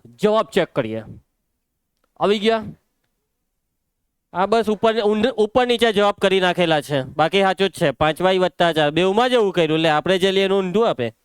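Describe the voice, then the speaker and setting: A young man with a Gujarati accent leads a maths class in a brisk, commanding way, questioning pupils by name and hushing them when they chatter. His voice sits high and stays smooth and clear. The recording is dry and close, with no room echo. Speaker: maths teacher. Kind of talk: live classroom lesson.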